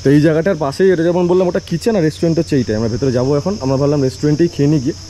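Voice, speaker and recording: A man's voice: on the high side, rapid-fire, mellow. A man with a Bengali accent narrating a casual travel vlog, chatty and repeating phrases for emphasis. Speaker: travel vlogger. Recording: clear background noise, echo in big hall.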